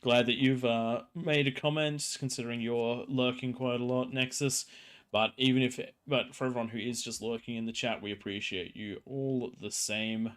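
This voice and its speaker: A man hosting a game livestream, casually explaining things in a halting way, often rephrasing as he goes. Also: medium pitch, fairly even intonation, fairly bright tone, clear, resonant tone. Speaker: stream host, commentator.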